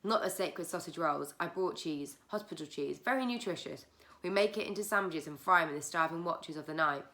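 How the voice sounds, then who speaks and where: A woman voicing a lively young nurse who talks in a breezy, teasing, slightly dramatic way, read from a storybook. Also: low voice, a little fast.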